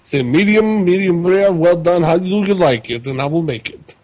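A man's voice: high-pitched, normal speed, darkish tone, dry recording. A man voicing a boastful, aggrieved middle-aged Ukrainian prisoner with a Russian accent, blunt and grandiose in stilted phrases, as in a prank call. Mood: obliging. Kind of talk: prank phone call character acting.

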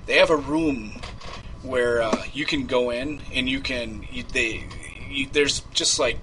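A man's voice: medium pitch, measured pace, noisy background, lightly acted. A man playing a creepy, unhinged rich young man who rambles and stammers through filler words in a prank-call comedy bit. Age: 20s.

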